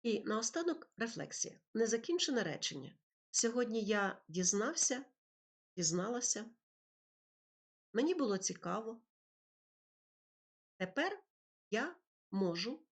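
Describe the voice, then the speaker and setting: A woman teacher narrating a lesson over slides, speaking slowly and clearly as she explains poetry and meter. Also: a little high, very animated. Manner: slow, clear, explanatory delivery with recited verse.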